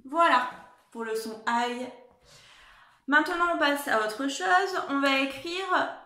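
A woman's voice: high voice, slow, sharp tone, roomy sound. A woman teacher giving a dictation lesson to young children, patiently spelling out words letter by letter. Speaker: primary school teacher.

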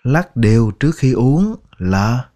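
A man teaching English phrases, patiently repeating each word slowly and clearly in a lesson. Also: mid-range voice, very animated, warm tone. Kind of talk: language lesson.

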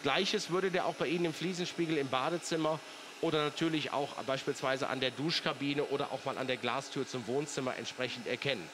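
A man's voice: mid-range voice, steady tone, brisk, noisy background. A man presenting an infomercial product demonstration in a chatty, persuasive way, putting questions to the viewers.

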